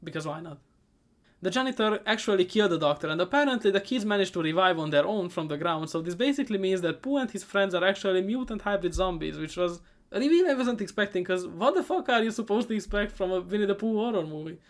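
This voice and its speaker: Sarcastic high-voiced man recapping a movie. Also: animated, fast. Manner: sarcastic, profane and rambling, often trailing off into quieter asides. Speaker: movie reviewer. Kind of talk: comedic movie recap commentary.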